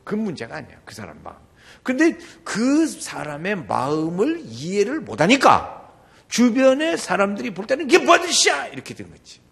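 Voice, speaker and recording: An older man preaching a sermon, his voice gravelly and husky. He swings his pitch widely and slips into the voices of the people in his stories as he preaches. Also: normal speed. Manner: animated, acts out quoted voices. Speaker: pastor.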